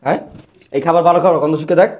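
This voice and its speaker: An actor playing a hot-tempered husband who rough-talks and scolds his wife and her relatives over his father. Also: on the high side, fairly even intonation, rapid-fire, reverberant, close to an everyday voice. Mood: angry scolding. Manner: shouting, scolding, rough colloquial speech. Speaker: angry son defending his father.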